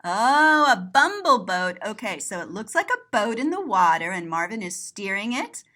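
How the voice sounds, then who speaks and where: In a lively storybook session for kids, a woman teacher explains what's in each picture with playful expressiveness. Her medium-pitched voice is very animated, bright and forceful, delivered at normal speed.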